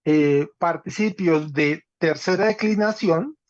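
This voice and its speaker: A man's voice: a little high, slow, darkish tone, dry recording. A man teaching a Greek class online, patiently checking that students follow along. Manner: patient, checks understanding with "¿cierto?". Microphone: video call. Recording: slightly dull, dry online call audio.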